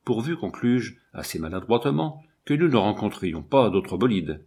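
A man reading a first-person novel aloud as an audiobook narrator, in an expressive storytelling way. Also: fairly low pitch, normal speed, breathy edge.

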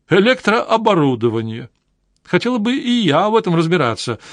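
A brassy, flirtatious showbiz woman who gushes and teases in a high, sing-song voice, as a male audiobook narrator puts her on. Dry, close recording with no room sound. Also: dry recording. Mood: gushing. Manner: gushing, teasing, theatrical. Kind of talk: audiobook character voice.

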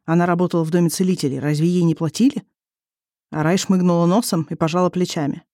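Audiobook narrator, steady descriptive reading, mid pitch, dry close sound. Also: fast, dry recording.

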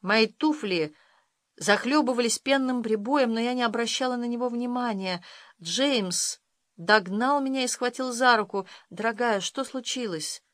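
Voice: medium pitch, moderate pace, a bit bright, no echo. A narrator reading a first-person audiobook with dramatic, emotional delivery.

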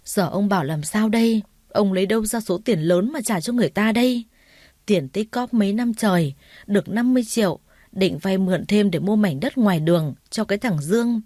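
A woman voicing a frugal older mother who scolds her husband in rapid, wailing reproach in a storybook reading. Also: medium pitch, mellow, dry recording, clean studio sound, natural voice. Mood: distraught scolding.

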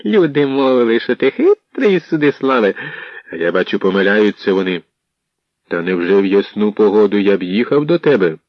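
Чоловік читає владного хриплого боярина. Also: male voice, sits low, brisk, dry recording. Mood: mocking. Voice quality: hoarse, domineering. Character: imperious hoarse boyar nobleman, scornful. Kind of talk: audiobook reading. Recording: dull muffled audio.

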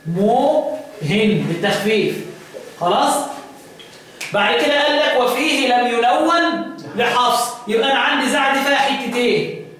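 A man with an Egyptian Arabic accent teaching the Quranic readings, quizzing his students and chanting verses slowly. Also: extremely high pitch, pushed and bright. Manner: quizzing students with repeated questions. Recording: echoey room, distant mic, faint noise.

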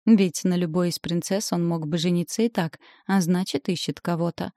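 A woman reads a first-person fantasy audiobook in an even, storytelling manner. Her voice is low and warm. The recording is dry and close. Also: normal speed, dry recording. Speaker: audiobook narrator. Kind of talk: scripted narration of a fantasy novel.

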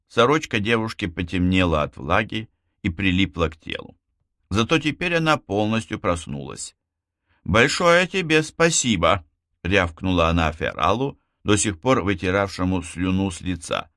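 Man, deep low voice, audiobook narration, expressive stresses, dry close recording. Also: dry recording.

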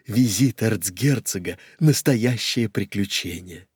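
A man voicing an excitable older society lady who squeals out breathless exclamations. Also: on the low side, unhurried, slightly rough, dry recording, studio quality. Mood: delighted.

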